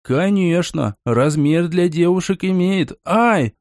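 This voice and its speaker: Narrator putting on a jumpy nerdy young guy, voice pitched up, nervous. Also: expressive, unhurried, a little mellow, no room sound, studio quality. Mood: cheeky. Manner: nervous, cautious. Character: jittery nerdy young man, gadget fan.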